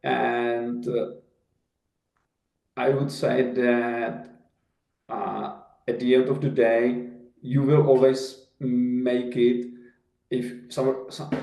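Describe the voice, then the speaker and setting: Slavic-accented man, halting and echoey. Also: medium pitch, dark tone. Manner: halting, many restarts and repeated words. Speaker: guest, company founder. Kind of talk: casual interview answers. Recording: echoey room.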